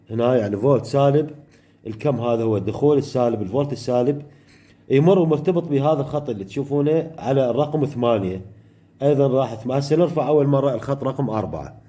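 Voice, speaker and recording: A man with an Iraqi Arabic accent teaching an electronics workshop step by step, pausing often mid-phrase to find the next word. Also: mid-range voice, dark tone. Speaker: electronics tutor.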